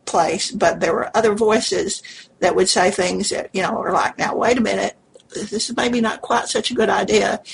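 Gravelly, hesitant book club member. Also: mid-range voice, slight background noise, rough recording. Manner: hesitant, searching for words. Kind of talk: casual book discussion.

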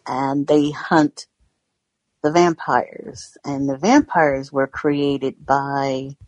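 An American woman from Georgia and various parts of the US, attending her first book club, chats casually in a rambling, folksy manner. Her rumbling low voice has a darkish tone and fairly even intonation, she speaks very slowly, and there's no room sound.

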